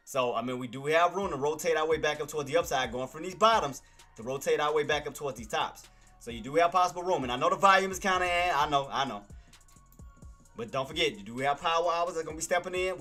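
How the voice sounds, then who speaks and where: Bright-voiced man giving market commentary. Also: fairly high pitch. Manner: casual, laughs often, talks to viewers by name. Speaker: stock trading livestream host.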